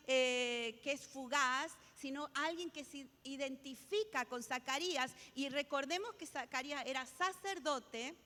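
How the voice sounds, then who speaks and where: A woman's voice: high voice, pushed and bright, big-room sound. A woman pastor preaching a sermon, emphatic and repetitive, often restarting her words. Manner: emphatic, repeats key phrases, many restarts.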